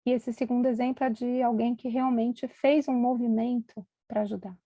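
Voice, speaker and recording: A woman's voice: fairly high pitch, steady tone, normal speed, mellow, dry recording, dull audio. A middle-aged woman, a physician, giving a conversational storytelling talk at an event and acting out the voices of the people in her stories.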